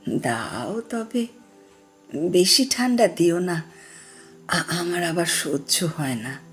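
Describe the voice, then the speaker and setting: A woman voicing a gentle, shy elderly woman in her sixties, a former schoolteacher, who speaks softly and hesitantly. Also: on the low side, expressive, slow, faint music behind. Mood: demurring. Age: 60s. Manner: soft, hesitant, trailing off.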